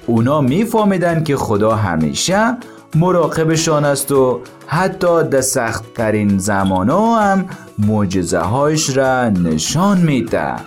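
A man telling a Bible story to his daughters as a father. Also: mid-range voice. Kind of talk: storytelling to children.

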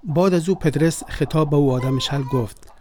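Brief: actor as a friendly, devout visitor in a radio play, Afghan Dari accent, earnest and higher-pitched. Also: male voice, darkish tone, a little hiss or hum, close to an everyday voice. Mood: storytelling. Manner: earnest storytelling. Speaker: visiting friend who retells a story. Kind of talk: radio drama acting.

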